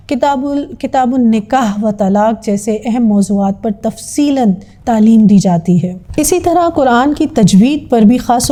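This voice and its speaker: A woman's voice: medium pitch, mellow. A woman giving a formal, earnest scripted narration introducing a religious studies course. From Pakistan.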